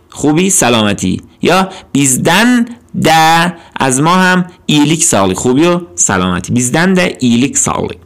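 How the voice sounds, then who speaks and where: A man with a slightly higher voice teaches a language lesson. His pitch moves a lot as he says each word slowly, repeats it patiently and then explains its meaning. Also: a bit bright.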